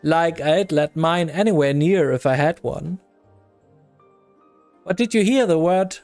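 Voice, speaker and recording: A man's voice: a little high, a little slow, a little mellow, no room sound, faint music behind. A man reading as a sneering tattooed rogue woman. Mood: scornful. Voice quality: scornful, spitting insults. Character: tattooed sharp-tongued young woman rogue, hostile.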